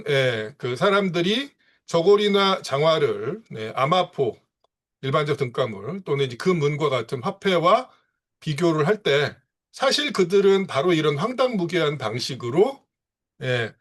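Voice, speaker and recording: A man giving an online seminar lecture, dropping frequent fillers and asking rhetorical questions as he explains. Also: mid-range voice. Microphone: video call.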